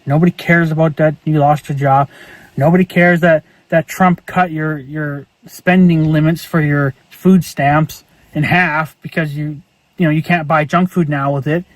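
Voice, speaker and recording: A man's voice: a little high, fairly even intonation, a little slow, no room sound, poor audio. A man ranting angrily and profanely in a casual vlog monologue, repeating himself as he goes. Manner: angry, profane, repetitive ranting. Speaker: vlogger.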